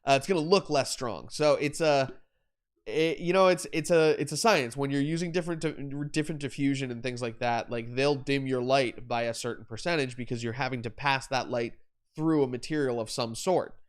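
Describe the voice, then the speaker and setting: A young man talks casually on a live stream, walking through lighting setups, with many fillers and restarts. His voice is smooth and clear, pitched in an ordinary middle range. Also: a little fast. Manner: rambling, self-correcting, explains while demonstrating. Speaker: photography livestream host.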